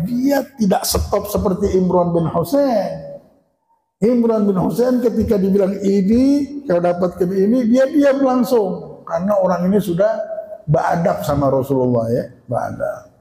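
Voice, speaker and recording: Gravelly-voiced preacher in an echoing mosque. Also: male voice, expressive, normal speed, dark tone. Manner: acts out quoted dialogue with shifting pitch. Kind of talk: sermon retelling stories. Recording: echoey mosque hall with long reverb.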